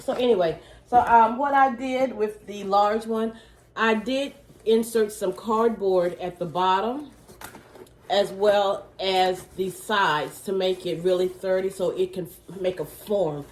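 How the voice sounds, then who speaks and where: A woman chatting casually to her viewers while showing gift totes, her voice a little worn and throaty as she clears her throat. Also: mid-range voice, a little slow, reverberant. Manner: chatty, many fillers, says "okay?" to viewers. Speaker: vlogger, small gift business owner. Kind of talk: casual product show-and-tell.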